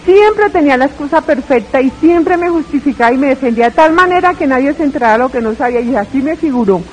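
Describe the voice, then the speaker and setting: A woman's voice: high voice, expressive, quick pace, poor audio. A woman giving a dramatic, tearful religious testimony, retelling her story with fervor.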